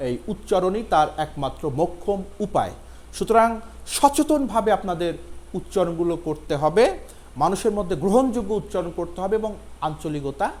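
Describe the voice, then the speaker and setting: A man, giving a pronunciation lesson and slowly spelling out each word with emphasis. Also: high-pitched, darkish tone. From Bangladesh. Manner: slow, emphatic spelling-out of words. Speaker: teacher.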